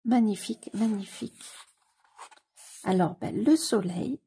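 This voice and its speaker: Speaking slowly and casually, this coloring book YouTuber has a cold, and her medium-pitched voice sounds very husky, gravelly, dark and mellow. As she leafs through a book, she gushes over what she sees, repeats her delight and hesitates often on fillers.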